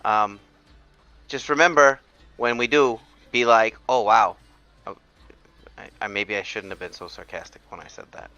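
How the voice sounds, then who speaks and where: A man playing a character in a tabletop game, rambling and halting with repeated words. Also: on the low side, lively intonation, pushed and bright, smooth, no echo. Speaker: player. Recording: dull lo-fi audio.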